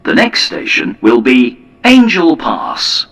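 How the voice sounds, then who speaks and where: Bright male train announcer over a PA. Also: medium pitch, very animated, slow pace, recorded from a distance. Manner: formal, clipped announcement phrasing. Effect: over a train PA system. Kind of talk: automated onboard announcement.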